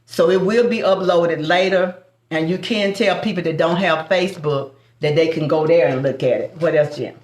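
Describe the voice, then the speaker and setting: A woman's voice: lowish voice, normal speed, reverberant. Southern woman chatting on a cooking stream. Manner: warm folksy banter with viewers, calls them baby and family. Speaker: cooking show host. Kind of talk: live-stream cooking chat.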